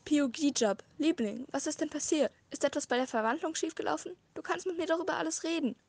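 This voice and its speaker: A woman's voice: high-pitched, quick pace, dry recording, voice pushed up. Woman reading as a harsh wolf-shifter father. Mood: pleading worried. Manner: pleading, then harsh and cold, then wailing in despair. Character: stern middle-aged male wolf-shifter father.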